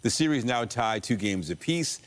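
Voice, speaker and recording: A man anchoring a TV newscast in a steady, formal read. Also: medium pitch, moderate pace. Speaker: news anchor. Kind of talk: scripted news reading.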